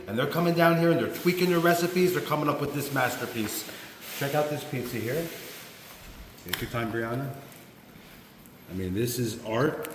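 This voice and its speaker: Excitable male food vlog host from New Jersey, recorded in an echoey hall with faint background noise. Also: mid-range voice. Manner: excitable, hyping, loud bursts of praise. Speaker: pizza reviewer host. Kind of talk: enthusiastic food vlog tasting. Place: hotel press room, indoors.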